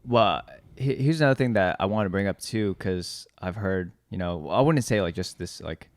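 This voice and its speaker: Low-voiced, halting podcast host man. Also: no echo. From US East Coast. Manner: halting, repeats words, asks leading questions. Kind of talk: casual chat.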